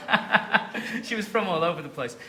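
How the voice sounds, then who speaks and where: A man's voice: high voice, lively intonation, normal speed, crowd noise, poor audio. A man, a comedian guest, telling a self-deprecating story on stage at a live comedy show. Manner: wry, self-deprecating anecdotes.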